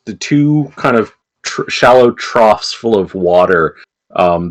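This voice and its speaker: Slow, halting game master man. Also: on the low side, rough recording. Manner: hesitant with many fillers, giggly. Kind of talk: narrating a tabletop game.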